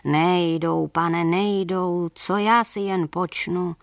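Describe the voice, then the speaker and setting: A woman's voice: on the low side, steady tone, gravelly, no room sound, studio quality. A woman voicing a sly, poor older male peddler who talks in a wheedling way, mixing in German and Yiddish words.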